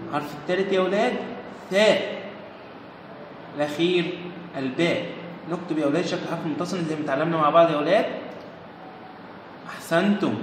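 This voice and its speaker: Egyptian male teacher giving a patient, repetitive lesson to young children; pitched fairly high, recorded in a booming, reverberant room with a faint hiss. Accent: Egyptian Arabic. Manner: patient, repetitive, addresses children, praises often. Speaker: Arabic teacher. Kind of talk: remote primary-school lesson.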